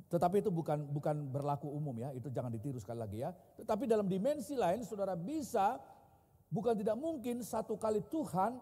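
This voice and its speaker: A man's voice: high-pitched, warm tone, slightly rough. A man in his fifties preaching a sermon, telling a personal story and speaking directly to the congregation. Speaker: pastor. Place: church hall. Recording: long church reverb.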